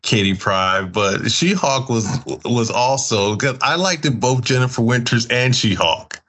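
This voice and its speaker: A man hosting a podcast in casual chat, animated and joking, with slangy speech. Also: medium pitch, unhurried. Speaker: podcast host.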